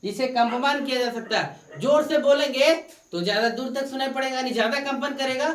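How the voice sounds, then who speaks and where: A woman's voice: high-pitched, brisk. A woman teaching a science class, repeating key points and asking the class questions for them to answer. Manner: repetitive questioning, prompts students to answer. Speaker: science tutor. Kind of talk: classroom lecture with call-and-response questions. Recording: echoey room, far from the mic.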